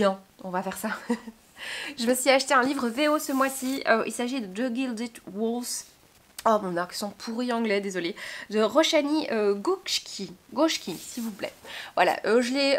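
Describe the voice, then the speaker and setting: A young woman from Belgium, chatting casually about her book haul, hesitant with many fillers and restarts. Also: fairly high pitch. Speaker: book vlogger.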